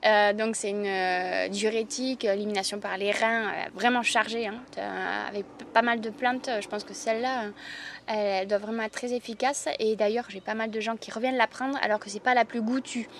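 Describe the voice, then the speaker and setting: A woman's voice: mid-range voice, steady tone, a little fast, a little hiss or hum. A woman with a southwest French accent from the Landes, an herbalist chatting enthusiastically in an interview and laughing often. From Landes, southwest France. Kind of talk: casual interview chat.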